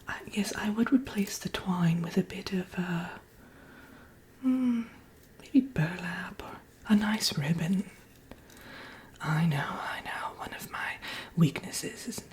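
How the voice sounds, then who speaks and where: A woman voicing a prim, fussy witch villainess in a breathy, hesitant ASMR whisper, chatting and gently scolding up close. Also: on the low side, slow pace, exaggerated voice. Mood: fussy, confiding. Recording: audible background noise.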